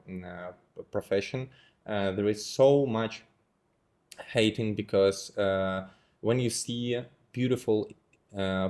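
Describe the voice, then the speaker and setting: A man in his twenties interviewing a guest, asking long, rambling questions in non-native English with many pauses. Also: lowish voice, a little mellow. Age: 20s.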